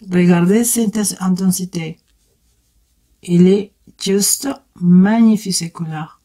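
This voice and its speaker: A woman's lowish, warm voice moves slowly as she, a beauty vlogger, chats through a casual makeup tutorial. She addresses her viewers directly while working, with enthusiastic exclamations along the way.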